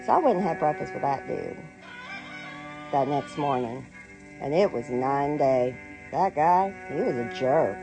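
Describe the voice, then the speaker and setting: Her voice rumbles low, expressive and a little slow: a middle-aged American storyteller and online content creator sharing a personal tale in a sassy, playful way, acting out lines of dialogue. Music is clearly audible behind her, and the recording quality is low.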